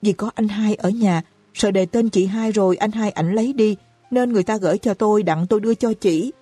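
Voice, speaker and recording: A woman voicing a young wife in an audiobook, crying out in frantic, shrill pleas. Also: fairly quick, mellow, breathy edge, dry recording, faint music behind, lightly acted. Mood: pleading. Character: young terrified wife, wailing for help.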